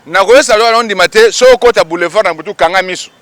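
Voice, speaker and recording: Male street reporter, high-pitched and emphatic, dry close mic. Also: racing, fairly bright tone, no room sound. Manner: emphatic, rhetorical call-and-response. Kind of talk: on-the-spot news commentary. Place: outdoors at a public event.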